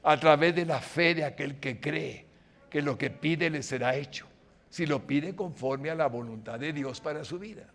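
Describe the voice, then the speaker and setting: An older man preaching as a pastor, acting out short dialogues and swinging between loud exclamations and hushed lines. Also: on the high side, moderate pace. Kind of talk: sermon.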